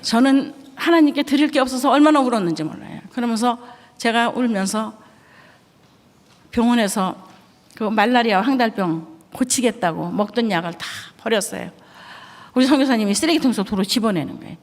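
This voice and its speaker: A woman's voice: on the high side, fairly quick. A middle-aged woman from Korea, a missionary giving an earnest, emotional church testimony. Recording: echoey church hall.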